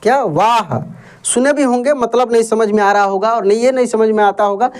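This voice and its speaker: A woman teaching English words, spelling them letter by letter, repeating each meaning and quizzing the listener as she goes. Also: fairly high pitch. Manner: slow, repeats words and asks the viewer questions; calls viewers friend. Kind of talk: spoken English lesson.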